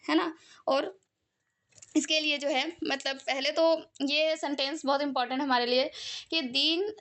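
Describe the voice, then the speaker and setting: A woman's voice: sits high, fairly bright tone. A young woman giving an earnest, conversational religious talk, full of fillers and tag questions. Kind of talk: informal religious talk to listeners.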